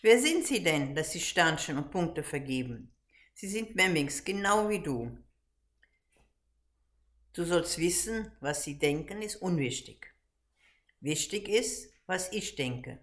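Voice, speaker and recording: A woman voicing a big, bearded, kindly woodcarver in a read-aloud storybook, speaking gently and reassuringly. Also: lowish voice, very animated, takes it slowly.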